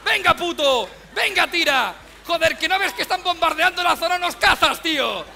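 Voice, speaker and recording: A man voicing a rough boy who swears at his pet. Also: very high voice, lively intonation, normal speed, pushed and bright, soft background music, a faint crowd, voice pushed up, heavily acted. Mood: impatient. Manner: bossy, cursing.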